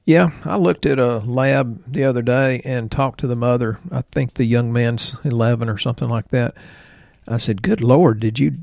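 A man in his sixties chats on a health podcast with a gravelly, rough-edged voice. He rambles into side stories and drops joking asides. The sound is dry and close, with no room around it. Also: mid-range voice, normal speed, darkish tone, dry recording. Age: 60s. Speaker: podcast co-host, health practitioner. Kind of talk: casual health podcast chat.

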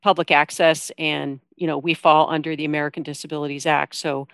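A woman's voice: low-pitched, flat delivery, fairly quick, creaky, fairly bright tone, clear, resonant tone, dry recording, studio quality. A woman giving informal, explanatory answers as a guest in a conversational interview. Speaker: interview guest, veteran coordinator at a nonprofit.

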